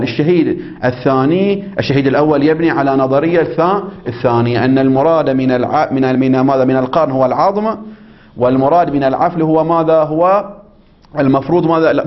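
During a seminary lecture on religious law, a man reads a text aloud and explains it, constantly quizzing listeners with prompting questions and checking they're following. He talks fast at a medium pitch, captured on a dull lo-fi recording.

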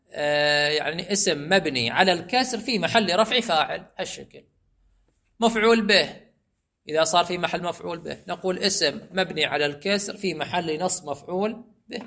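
A man teaching a grammar lesson, explaining step by step and repeating examples slowly. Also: a little high, gravelly, fairly bright tone.

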